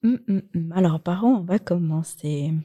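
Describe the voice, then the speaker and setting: A middle-aged woman interviewing younger guests in a casual chat, laughing often and filling pauses with hesitations. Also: on the low side, mellow, no echo.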